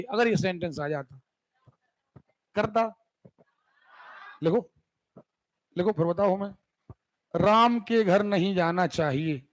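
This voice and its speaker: A man with a high voice and a Madhya Pradesh Hindi accent teaches a grammar class for exam takers. He talks in a casual, joking way and keeps checking whether his students are following. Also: poor audio. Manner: asks students frequent check questions. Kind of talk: exam-prep grammar lesson.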